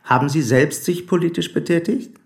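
Playing a formal police commissioner in a German radio play, a male actor presses with deliberate, insistent, probing questions. His voice sits fairly high and carries vocal fry.

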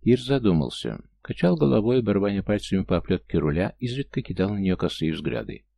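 A man narrating an audiobook in a steady, measured way. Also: on the low side, gravelly.

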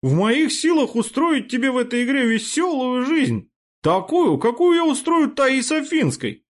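A man's voice: very high voice, very animated, measured pace, pitched above the performer's own voice, full character voice. A man voicing an arrogant, wealthy young male game player who talks pompously and threatens. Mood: furious threats. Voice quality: pompous, hissing menace.

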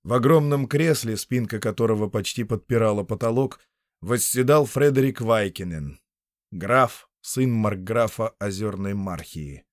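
Expressive male audiobook narrator. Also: on the low side, a little slow, no echo, studio quality. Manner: expressive storytelling. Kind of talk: scripted fantasy narration.

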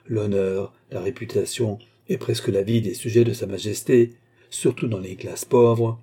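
A man reading a novel aloud in measured audiobook narration. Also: on the low side, dark tone, husky. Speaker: reader.

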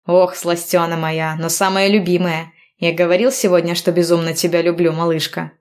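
A woman's voice: on the low side, flat delivery, moderate pace, natural voice. A woman voicing a cocky, teasing young man who banters with his lover in mock-stern tones in an audiobook story. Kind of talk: audiobook dialogue reading.

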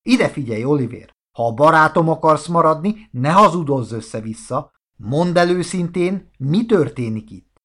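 A man's voice: fairly high pitch, expressive, few pauses, a bit bright, voice pushed up. A man doing a curious, outspoken young boy. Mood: suspicious. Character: curious, outspoken human boy, a vampire's friend.

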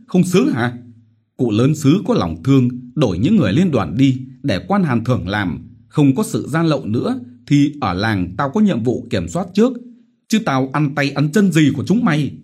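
Brutal bullying village chief, shouting curses, high and loud, husky edge, voiced by a man, audiobook. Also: big pitch swings, normal speed. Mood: threatening.

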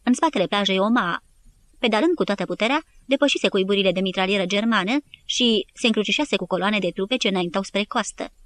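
A woman narrating a war history audiobook in an even, measured reading. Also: medium pitch. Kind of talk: scripted narration.

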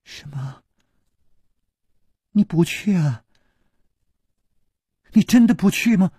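A man's voice: medium pitch, sing-song, normal speed, a little mellow, breathy edge, no room sound, studio quality, pitched below the performer's own voice. A man voicing a coquettish, emotional young princess with a coy, pleading manner. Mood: hurt.

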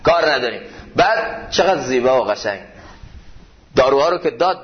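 A man giving a sermon in a mosque, telling anecdotes and slowing down to stress his points. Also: medium pitch, animated. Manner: storytelling, slows down to stress points. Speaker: preacher teaching classical poetry. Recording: dull lo-fi recording.

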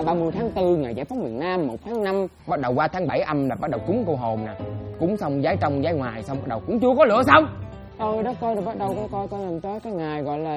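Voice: mid-range voice, natural voice. A performer playing a playful old male fairy spirit who rambles and teases in a comic sketch. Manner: long rambling comic rants, quick exclamations.

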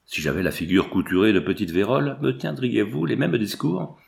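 A man reading a novel aloud, voicing a witty, teasing young woman with quick retorts. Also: lowish voice, lively intonation, vocal fry.

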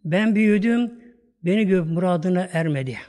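A man's voice: sits high, moderate pace, dark tone, lightly acted. A man voicing a young fatherless boy who plaintively asks about his father and recites a mournful poem. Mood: sorrowful.

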